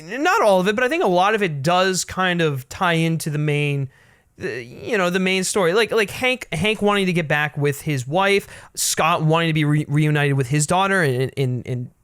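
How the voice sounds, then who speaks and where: A man co-hosting a casual film talk, halting and restarting often as he gently disagrees. His voice is a touch high. The recording is close and dry, with no room sound. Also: expressive, clean tone, no room sound. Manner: hesitant, many restarts and fillers, mildly argues back. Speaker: film podcast co-host.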